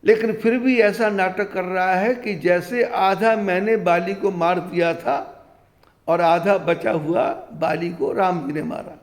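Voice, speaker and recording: Brief: high, unhurried male preacher chanting verses, long reverberant hall. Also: fairly even intonation. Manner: retells scripture, chanting verses slowly. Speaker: spiritual teacher. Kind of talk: devotional storytelling discourse.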